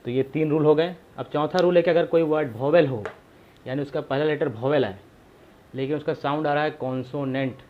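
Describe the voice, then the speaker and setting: A man's voice: on the high side, brisk, muffled recording. A man teaching a grammar lesson, explaining patiently and repeating himself, asking rhetorical questions to his viewers.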